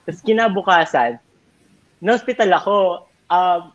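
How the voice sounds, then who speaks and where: A young man with a high, fairly bright, expressive voice tells rambling stories to college friends at a normal speed. His casual chat is full of fillers and laughs, and the audio is dull and lo-fi.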